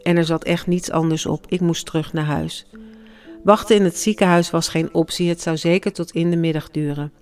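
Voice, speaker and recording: A hushed, reflective memoir narrator. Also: mid-range voice, steady tone, normal speed. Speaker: grieving parent narrating. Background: faint music.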